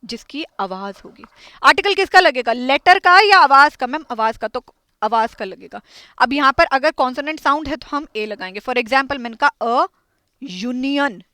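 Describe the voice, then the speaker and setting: A woman's voice: high voice, expressive, normal speed, bright, forceful tone, no room sound. A woman teaching an English grammar lesson, quizzing her students and repeating each point. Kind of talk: classroom lesson.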